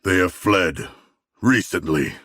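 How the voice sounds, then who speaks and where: An actor playing a huge, proud but earnest and anxious shark demigod in a video game, speaking in formal, stilted, literal-minded phrases. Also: male voice, low voice, slow pace, a bit bright, no room sound, studio quality, exaggerated voice. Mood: solemn, earnest. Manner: formal, stilted, solemn phrasing with few contractions. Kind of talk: video game character dialogue.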